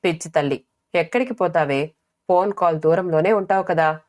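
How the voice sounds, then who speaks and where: A woman voicing a worried middle-aged mother who scolds her daughters, shrill when angry. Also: normal speed, a little mellow, close to an everyday voice. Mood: fretful.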